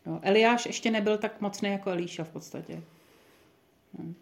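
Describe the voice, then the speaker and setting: A woman's voice: mid-range voice, gravelly. A woman leading a small group Bible study, thinking aloud in a chatty way with many fillers and restarts.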